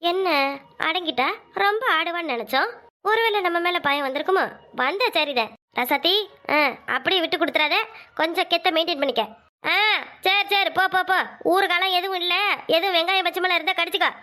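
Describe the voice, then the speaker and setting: A bossy village mother from a cartoon comedy who scolds everyone in a sharp, nagging way, played by a woman. She talks fast in a very high, bright voice. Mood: scolding.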